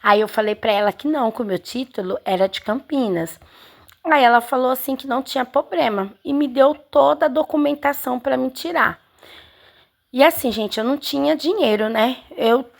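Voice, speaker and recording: Chatty woman with gravelly fry. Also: fairly high pitch. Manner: chatty, keeps addressing viewers, many fillers. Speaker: home seamstress vlogger. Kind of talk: casual storytelling to viewers.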